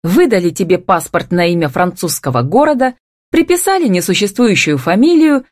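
A woman narrator voicing a sharp-tongued, sarcastic young woman who snaps back. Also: lowish voice, sing-song, moderate pace, no echo, studio quality. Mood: snappish. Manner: snappy, sarcastic.

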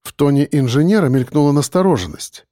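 Мужской голос неторопливо и ровно читает художественный текст. Запись сухая, без эха, с мягким тёмным тембром. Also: male voice, on the high side, animated, brisk, dark tone, dry recording, clean studio sound. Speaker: audiobook reader. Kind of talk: scripted audiobook narration.

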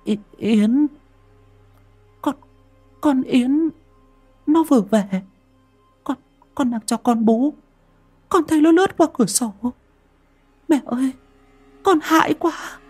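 A woman's voice: high voice, expressive, slow, long pauses, darkish tone, slightly rough, soft background music, voice pushed up, exaggerated voice. A man voicing a frightened young mother in a ghost story, stammering in panic. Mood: terrified. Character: terrified young mother who saw a ghost.

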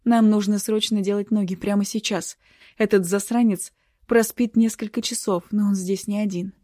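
A decisive young man who gives urgent, clipped commands, as a woman narrator reads him. His tone is warm and dark, and the storybook recording is dry and close. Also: medium pitch, steady tone, normal speed, dry recording, close to an everyday voice.

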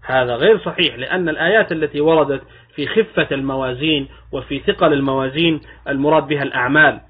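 A man sheikh teaching a religious creed lesson, explaining step by step, slowing down to recite texts and posing questions he then answers. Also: a little high, slightly rough. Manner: asks rhetorical questions and then answers them. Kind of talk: religious lecture in formal Arabic. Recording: narrow phone-like audio.

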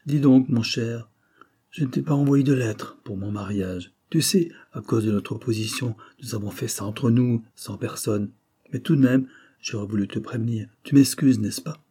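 A man's voice: medium pitch, normal speed, dark tone, husky. A man voicing a boastful, successful male journalist with a big voice, talking in an effusive, familiar way.

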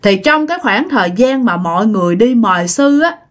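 A woman's voice: fairly high pitch, lively intonation, a little fast. A woman telling a ghost story in a chatty way, talking straight to her listeners. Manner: chatty, addresses listeners directly. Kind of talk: casual spoken ghost story.

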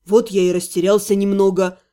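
A woman voicing a nervous, bewildered young male necromancer who speaks low and hesitantly. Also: level tone, brisk, warm tone, close to an everyday voice.

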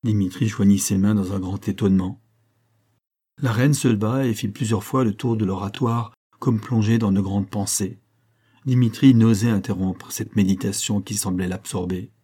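A man narrating a literary audiobook with a measured, expressive delivery. His voice sits low, with a mellow, warm tone and a husky grain.

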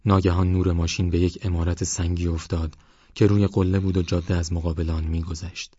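A man calmly narrating a novel as an audiobook reader in a measured way. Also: sits low, breathy edge, dry recording, dull audio. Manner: calm, measured reading. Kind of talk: scripted narration.

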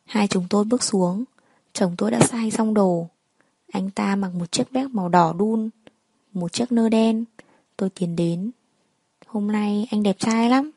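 A woman narrating a first-person story in a soft, sorrowful way. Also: medium pitch, measured pace, breathy edge.

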